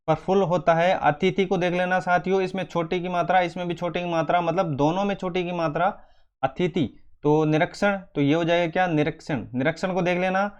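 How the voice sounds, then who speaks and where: A man teaching an exam coaching lesson, drilling spelling by repeating each word and calling his students friends. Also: on the high side.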